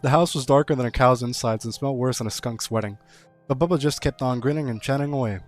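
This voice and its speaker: In a mid-range, everyday-sounding voice, a man reads over faint music as a folksy rural storyteller. He spins a tall spooky yarn in an animated, playful way, full of drawn-out similes.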